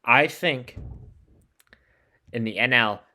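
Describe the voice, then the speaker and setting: A man's voice: mid-range voice, slow, bright, forceful tone, slight background noise. A man hosting a podcast, talking sports in a casual, enthusiastic way. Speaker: podcast host.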